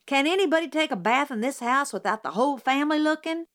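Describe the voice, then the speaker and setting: A woman voicing an indignant adolescent boy in a storybook reading, protesting in quick bursts. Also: a little high, big pitch swings, fairly bright tone, no room sound, studio quality, voice pushed up, heavily acted.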